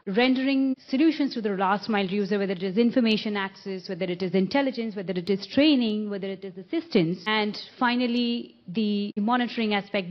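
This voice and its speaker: Woman panelist, technical talk, steady mid pitch, muffled conference recording. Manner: technical, listing points at length.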